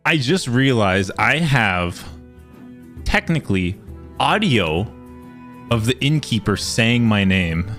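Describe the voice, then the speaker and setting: A man's voice: fairly low pitch, sing-song, slow pace, long pauses, a bit bright, soft background music. A man, a streamer, giving casual reactions and talking to his chat.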